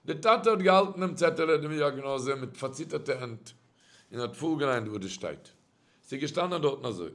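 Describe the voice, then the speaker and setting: A middle-aged rabbi tells a story during a religious talk, speaking in a Yiddish accent at normal speed. He's an animated storyteller whose mid-range voice keeps rising and dropping sharply.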